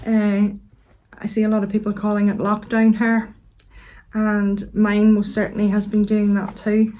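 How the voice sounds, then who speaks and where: A middle-aged woman with a Northern Irish accent chats casually as a vlog host, gently and unhurriedly, with hesitant pauses. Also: mid-range voice, completely flat delivery, muffled recording, slight background noise. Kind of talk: casual chat to camera.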